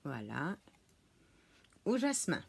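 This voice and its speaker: Slow, chatty French woman unboxing at home. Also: deep voice, wildly swooping pitch, vocal fry, slight background noise. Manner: chatty, hesitant, many fillers and restarts; laughs easily while showing items. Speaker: unboxing vlogger. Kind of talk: casual unboxing chat.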